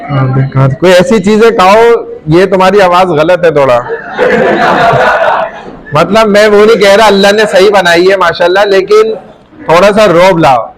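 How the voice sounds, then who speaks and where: Man, from Pakistan, teacher, high voice, teasing and chatty, calling names, loud chattering class behind. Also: moderate pace, long pauses. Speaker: teacher taking attendance. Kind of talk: casual classroom talk. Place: classroom full of students. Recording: noisy room with crowd chatter. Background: students chattering.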